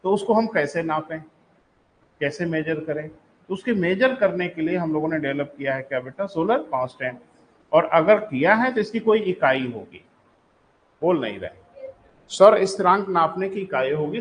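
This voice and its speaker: A man with a Hindi accent teaches geography in a live online class, his voice sitting high. He keeps quizzing the students and answering himself, calling them "beta". A faint hum of noise sits behind him. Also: animated, normal speed, low-quality recording. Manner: calls students "beta", asks and answers his own questions.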